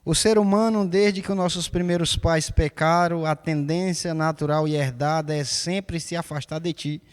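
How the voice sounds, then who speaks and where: A man's voice: on the high side, fairly even intonation, normal speed, smooth. Earnest man praying with long reverb. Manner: solemn and earnest. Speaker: prayer leader. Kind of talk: spoken prayer.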